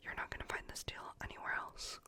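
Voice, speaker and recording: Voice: quick pace, pushed and bright. Whispered role-play of a pushy shopping-channel seller, acted out. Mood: eager selling. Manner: persuasive sales patter.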